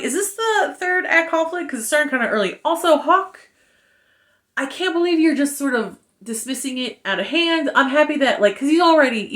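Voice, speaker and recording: Chatty young woman reviewing a book. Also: on the high side. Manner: chatty, animated retelling with many fillers. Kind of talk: casual book review chat.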